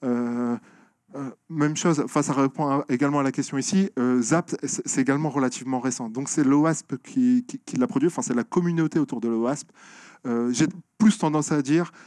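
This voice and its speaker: A man speaking at a conference, answering audience questions with many pauses and restarts. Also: medium pitch, a little mellow, dry recording. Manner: hesitant, many fillers and restarts, explanatory. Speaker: conference speaker on software security. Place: lecture room.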